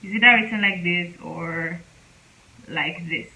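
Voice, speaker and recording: A woman teaching a casual spoken lesson, speaking slowly and repeating example words several times. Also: on the low side, gravelly, bright, forceful tone, rough recording. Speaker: Korean language teacher.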